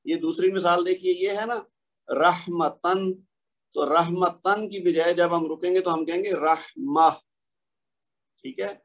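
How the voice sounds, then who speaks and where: A man teaching a recorded online lesson, explaining patiently step by step, asking the learner questions and slowing down to draw out example words. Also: high-pitched, fairly even intonation. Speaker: Quran recitation teacher.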